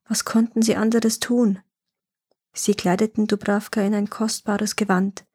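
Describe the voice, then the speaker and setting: A woman narrating a fairy-tale legend in a calm, even reading voice. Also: mid-range voice, gravelly, husky, no echo, clean studio sound.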